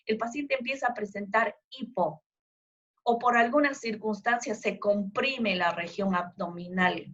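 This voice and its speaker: Woman lecturing, repeating and checking in. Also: mid-range voice. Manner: explanatory, repeats phrases, checks understanding with "¿sí?". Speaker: medical lecturer. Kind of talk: recorded university lecture. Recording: dull lo-fi lecture recording.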